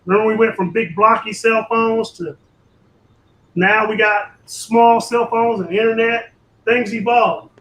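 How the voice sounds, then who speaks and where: A man talking calmly in casual chat, reflective, with some hesitant fillers. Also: high voice, a little slow. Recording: roomy echoey audio.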